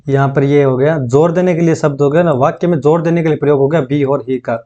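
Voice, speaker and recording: A man teaching an exam-prep grammar lesson, dictating slowly and repeating phrases so students can take notes, often checking in with them. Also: a little high, fairly even intonation, dark tone, highs cut off.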